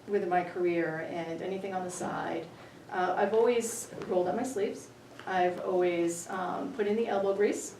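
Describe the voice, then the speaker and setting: A woman in her forties from New Hampshire, a town candidate answering interview questions in an earnest, measured way with many ums. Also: medium pitch, vocal fry. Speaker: town budget committee candidate. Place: town library room. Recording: echoey room, far from mic, faint hum.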